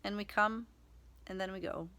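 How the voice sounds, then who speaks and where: A woman whose first language is Hebrew, talking in a casual spiritual vlog and often pausing to search for words. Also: mid-range voice, steady tone, pushed and bright, smooth. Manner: slow, searching for words, many fillers and restarts. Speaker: vlogger.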